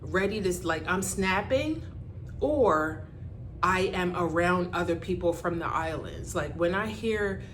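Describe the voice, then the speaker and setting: A woman from Barbados with a Bajan accent that switches with American, telling a story in casual, candid, animated chat with salty language. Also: fairly low pitch, unhurried, a little hiss or hum. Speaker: storyteller vlogger.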